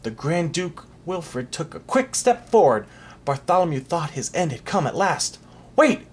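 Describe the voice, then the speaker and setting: A reader narrating a storybook aloud for a child in an expressive, animated way. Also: medium pitch, normal speed, slightly rough.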